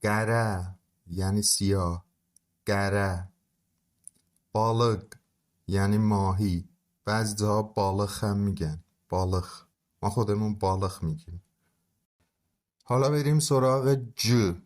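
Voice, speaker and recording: A man giving a spoken language lesson, slowly drawing out single sounds and words as examples. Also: lowish voice, a little mellow. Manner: slow, drawn-out pronunciation of single sounds and words. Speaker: language teacher.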